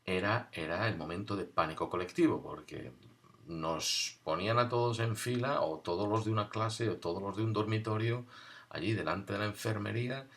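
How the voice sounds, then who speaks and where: Low-voiced man telling a wry memory. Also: a bit bright. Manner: conversational, wry, with halting restarts and pauses. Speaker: storyteller recalling his boarding school. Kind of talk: spoken personal storytelling.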